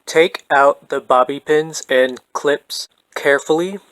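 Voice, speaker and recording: A man calmly talking through a hair-setting tutorial in a voice-over, soft-spoken and methodical. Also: on the high side, slow, no room sound, low-quality recording. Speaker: doll hair tutorial host. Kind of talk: calm instructional voice-over.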